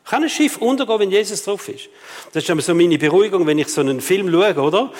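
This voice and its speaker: A man preaching a sermon with a Swiss German accent, lively and rhetorical, often asking the audience questions. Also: sits high, fast. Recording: long reverb of a hall.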